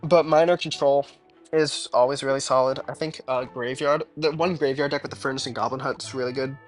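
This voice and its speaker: A man's voice: mid-range voice, steady tone, brisk. A man casually commenting on his own gameplay during a live stream, laid-back and mumbling asides as he reacts to chat. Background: game music.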